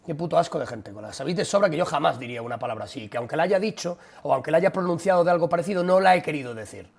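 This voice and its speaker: This young Spaniard, his accent from Spain, rants at the people watching his live stream in an animated, casual way. The delivery is rapid-fire, blunt and full of swearing, sounding exasperated, with a slightly raised pitch and a gravelly, creaky edge to his voice.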